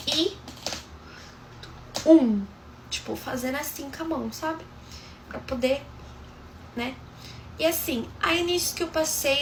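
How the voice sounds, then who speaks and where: A woman's voice: high voice, slight background noise. A young Brazilian woman telling a personal story in a chatty, gossipy way and speaking straight to her viewers. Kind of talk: casual storytime monologue.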